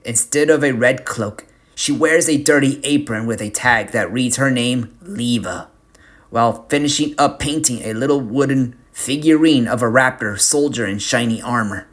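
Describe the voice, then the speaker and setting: A man narrating a fantasy storybook tale in a slow, deliberate reading. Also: mid-range voice, fairly bright tone.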